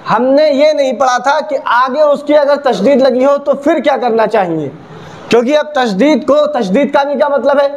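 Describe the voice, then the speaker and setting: In a video lesson, a man with a very high voice teaches the rules of Quran reading. He poses questions and answers them himself, repeats key points, and slows down to spell out letter sounds.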